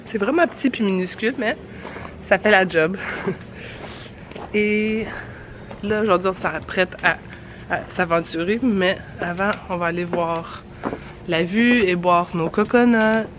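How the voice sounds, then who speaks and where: A young travel vlogger speaks slowly with a medium pitch, pausing often. Her accent is Québécois French, her nose is stuffed up from a cold, and she laughs a lot as she chats casually. She's filmed outdoors with a handheld camera, traffic humming in the background.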